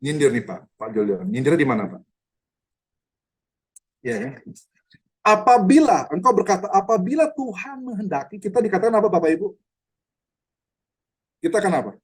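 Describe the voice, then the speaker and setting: Husky-voiced pastor teaching Bible study. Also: male voice, high-pitched, moderate pace, long pauses. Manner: animated, conversational, quizzes listeners by name. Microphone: online video call.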